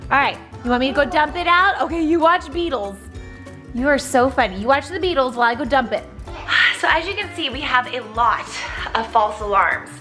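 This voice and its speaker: A woman's voice: high voice, animated, fairly quick, pushed and bright, soft background music. A young woman and mother talking candidly in a casual home vlog, sometimes praising her toddler in a sing-song voice. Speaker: mother and vlogger.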